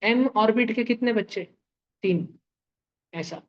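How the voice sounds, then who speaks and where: This live online chemistry lecture features a male teacher whose high-pitched voice animates his explanations, complete with sound effects and homely comparisons. He frequently throws quick questions to his students. Sound quality is dull and lo-fi.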